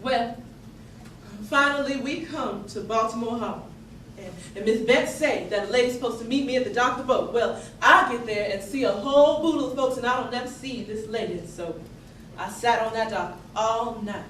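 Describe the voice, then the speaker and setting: Playing an earnest young enslaved woman of the American South, this stage actress delivers a 19th-century period monologue in a Southern accent, her voice a little high, a bit bright and lightly acted. She sounds earnest and determined, telling the story in a folksy, emphatic, halting way that swells dramatically. It was captured from a distance on an indoor theatre stage, with noisy, echoey sound.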